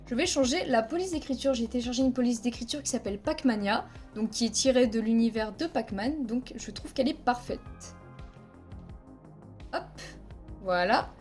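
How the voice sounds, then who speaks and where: A woman's voice: on the high side, animated, moderate pace, a little mellow, soft background music. A woman teaching a video editing tutorial over a headset mic, explaining each step plainly and counting frames aloud. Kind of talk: screen-recorded software tutorial.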